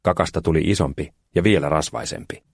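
A man narrating a children's storybook aloud in a plain, unhurried way. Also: a bass voice, creaky, dry recording, studio quality.

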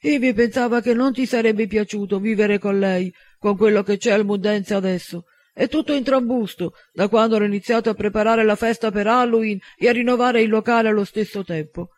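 A man's voice: sits high, fairly even intonation, brisk, hardly any pauses, dry recording, lightly acted. A man reading a firm, protective pack leader. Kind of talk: audiobook dialogue.

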